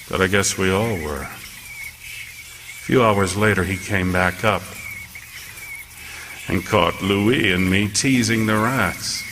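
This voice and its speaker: A man playing a lighthouse keeper who narrates a rat siege, shifting from hushed recollection to excitement in a stage radio drama. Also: lowish voice. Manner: storytelling, swings from hushed to excited. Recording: reverberant hall with loud noise.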